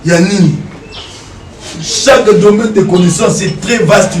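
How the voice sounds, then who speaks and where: A man's voice: sits high, measured pace, echoey room, far from the mic, slight background noise. A man, talking as an interview guest, emphatic and repeating his rhetorical questions. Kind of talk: animated interview talk, mixing French and Lingala.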